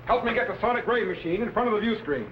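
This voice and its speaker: Authoritative time-machine captain and mentor, higher-pitched, vintage serial style, dull noisy sound. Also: male voice, lively intonation, fast talker. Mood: urgent command. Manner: authoritative, explanatory. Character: commanding, resourceful time-travelling captain and mentor. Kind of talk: 1950s television adventure serial acting. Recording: muffled old broadcast with faint noise.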